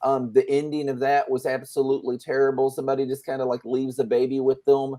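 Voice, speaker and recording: A man's voice: mid-range voice, little pitch movement, fast, mellow. A male podcast co-host in casual chat, chatty as he retells show plots.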